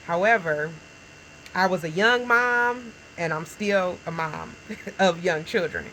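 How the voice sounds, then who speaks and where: A woman in her forties, a small business owner, talks casually to camera in a fairly low, bright, forceful voice, taking it slowly. The recording is rough with a little hiss or hum. She's frank and encouraging, speaking straight to the viewer and often checking in with "okay?" and "right?"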